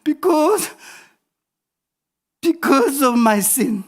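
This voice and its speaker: A man voicing his timid three-year-old son, halting and close to tears, in a sermon story. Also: very high voice, animated, fairly bright tone, pitched above the performer's own voice, exaggerated voice. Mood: solemn. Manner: pleading, halting.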